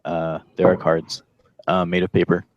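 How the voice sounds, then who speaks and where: A man co-hosting a casual livestream, talking to chat in a hesitant, low-key way. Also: level tone, moderate pace, highs cut off. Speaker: livestream co-host.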